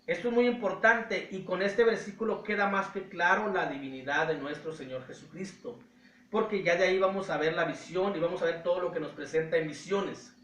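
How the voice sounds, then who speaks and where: A Mexican man teaching a Bible study, emphatic and slowing down to stress key words. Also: sits high, a bit bright, recorded from a distance, a little hiss or hum. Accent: Mexican Spanish. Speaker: preacher. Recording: roomy echo, voice from off-mic.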